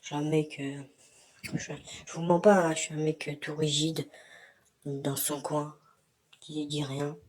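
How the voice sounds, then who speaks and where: A man's voice: fairly high pitch, flat delivery, unhurried, pauses often. A man talking through a voice-disguising filter, rambling frankly to his community with many hesitations, from his bathroom. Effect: voice disguised with an altering filter. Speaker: YouTuber addressing his community. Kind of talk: casual rambling vlog.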